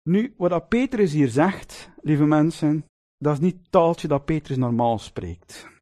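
A man delivering a sermon in a high-pitched voice. His pitch swings widely as he tells the story, and he keeps drawing the congregation in with tag questions and fond asides. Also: measured pace. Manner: lively storytelling, addresses listeners with "lieve mensen" and tag questions. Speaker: preacher.

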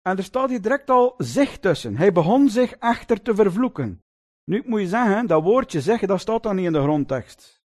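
Animated preacher with a high voice. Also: male voice, normal speed. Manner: lively storytelling, addresses listeners with "lieve mensen" and tag questions. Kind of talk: sermon.

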